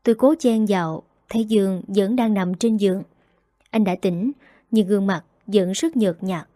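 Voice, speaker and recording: A woman reading a first-person romance audiobook in a steady, even way. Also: medium pitch, normal speed, no room sound, studio quality. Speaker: narrator.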